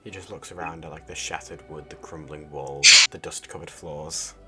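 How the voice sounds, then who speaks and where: Very low-voiced game master narrating casually and hesitantly, with music playing in the background. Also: male voice, fairly even intonation, normal speed, pushed and bright. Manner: casual, hesitant, with many fillers. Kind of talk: narrating a tabletop game over a call.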